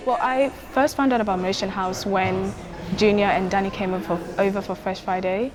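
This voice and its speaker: A woman's voice: mid-range voice, steady tone, normal speed, music in the background. A young woman dancer explaining in a careful, considered way what she has learned, in a documentary interview.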